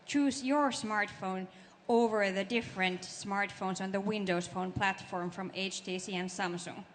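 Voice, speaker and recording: A woman's voice: medium pitch, steady tone, measured pace. Woman from finland, audience question, formal, hall reverb, faint noise. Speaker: audience member asking a question.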